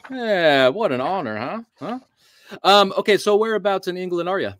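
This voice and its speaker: A man's voice: high voice, moderate pace, fairly bright tone, no echo, clean studio sound. A man from the United States hosting a casual toy photography talk show, upbeat and playful. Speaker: podcast host. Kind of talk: casual chat.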